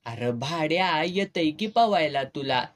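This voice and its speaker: Man reading as a cheeky, bossy village girl, pitched a touch high, storybook reading. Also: lively intonation, a little slow. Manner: brash, teasing, bossy. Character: bold, mischievous village girl, quick-tempered.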